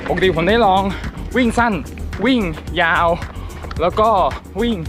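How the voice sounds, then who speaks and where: A man's voice: high voice, unhurried, music in the background. A man vlogging a casual review to camera while he runs outdoors, talking in short broken phrases as he moves. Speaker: vlogger reviewing running shoes. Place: outdoors in a city and park.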